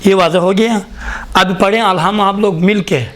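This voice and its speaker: A man with a fairly high voice teaches pronunciation to a class. He explains patiently and keeps asking his students questions. At times he moves off the mic as he writes. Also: fairly even intonation, fairly bright tone. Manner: patient, questioning, often says "look". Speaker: tajweed teacher. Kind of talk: classroom lesson.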